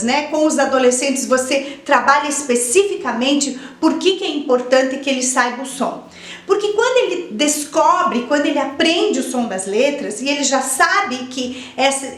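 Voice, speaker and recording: High-voiced woman teaching teachers. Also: roomy sound. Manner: explanatory, repeats points, asks rhetorical questions. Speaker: educator giving teaching advice. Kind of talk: instructional talk to teachers.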